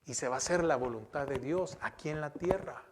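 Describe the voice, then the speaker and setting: A middle-aged pastor delivers a sermon in a somewhat high voice at a slightly fast pace. He speaks emphatically, poses questions to the congregation, and often repeats words and restarts.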